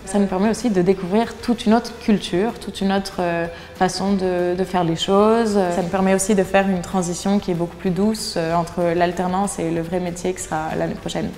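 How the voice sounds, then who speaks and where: A young woman from Greece, an apprentice speaking calmly and reflectively. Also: on the low side, normal speed, hardly any pauses. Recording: echoey hall with music underneath.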